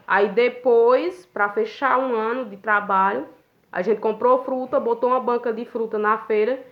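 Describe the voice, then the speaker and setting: Woman telling her story. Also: mid-range voice. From Pernambuco, Brazil. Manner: plain-spoken, unhurried, with frequent tag questions. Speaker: vlogger. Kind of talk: casual personal storytelling. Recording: dull lo-fi recording.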